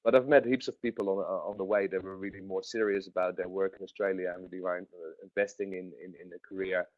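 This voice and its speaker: A man from the Netherlands, a guest on a webinar interview, rambles through travel memories with lots of fillers and restarts. His deep voice shows little pitch movement and moves at a quick pace. The recording is dry and lo-fi.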